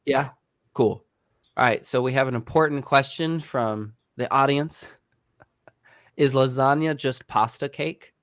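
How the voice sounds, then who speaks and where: A man's voice: medium pitch, a little slow, a bit bright, no echo, studio quality. A man hosting a casual team meeting, easygoing and upbeat, laughing often.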